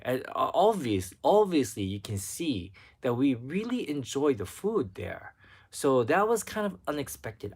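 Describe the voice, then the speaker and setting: A man hosting a casual livestream, chatting excitably and reading out viewer comments as he goes. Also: mid-range voice. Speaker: livestream host.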